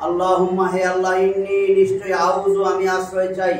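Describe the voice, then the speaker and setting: A man's voice: sits high, completely flat delivery, brisk, slight background noise. A man teaching a religious class, explaining terms word by word and repeating them for his listeners. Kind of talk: classroom Quran lesson. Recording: very echoey room recording from a distance.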